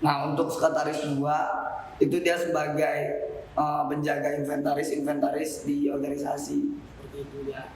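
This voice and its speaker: A man's voice: a little high, monotone, moderate pace, darkish tone, a little hiss or hum. A young man, a student group secretary, talking matter-of-factly in a casual podcast chat. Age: young adult. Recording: roomy room with faint ambience.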